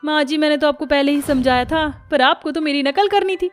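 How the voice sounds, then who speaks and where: A woman's voice: sits high, a little fast, faint music behind, voice pushed up, close to an everyday voice. A woman voicing a patient, sensible young daughter-in-law in a cartoon story, pleading and scolding. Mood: pleading, exasperated.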